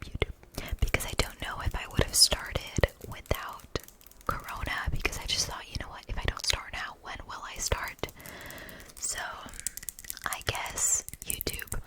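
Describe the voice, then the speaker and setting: Young woman whispering, chatty ASMR. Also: low-quality recording. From Germany. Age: 20s. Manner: soft unvoiced whisper, chatty with fillers. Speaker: ASMR YouTuber.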